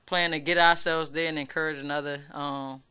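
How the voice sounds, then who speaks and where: A woman hosting a weekly radio talk show, speaking in an emphatic, animated, casual way. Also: deep voice, brisk, clean tone. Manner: emphatic, animated, keeps asking "you know what I'm saying".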